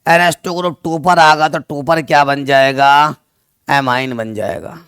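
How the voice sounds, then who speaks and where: A man teaching a chemistry class online, mixing two languages, speaking loudly and affectionately to his students while asking them questions and answering them himself. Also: on the high side, steady tone, measured pace, smooth, no echo, clean studio sound. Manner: affectionate, calls students "dear children".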